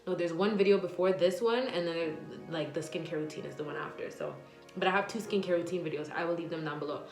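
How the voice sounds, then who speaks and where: A nurse and vlogger in her 20s answers viewer questions in a casual Q&A video, talking fast in a lowish voice. She's chatty and rambling, full of "like" and "um," and the room is echoey with faint music.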